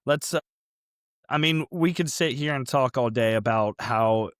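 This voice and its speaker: A man's voice: mid-range voice, unhurried, clean tone, no room sound, clean studio sound. A man hosting a casual sports podcast, telling stories animatedly and acting out quotes. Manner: animated storyteller, acts out quotes. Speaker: podcast host.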